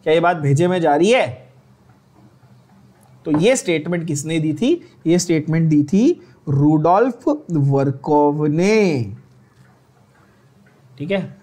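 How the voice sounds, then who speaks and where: A young Indian man gives a biology lecture in a high, light voice. He chats and jokes with his students, then drops to a slow, deliberate pace to dictate the lines they must remember. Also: animated, dark tone. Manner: chatty, joking asides, slows right down to dictate English lines. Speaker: biology teacher. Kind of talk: online exam-prep lecture.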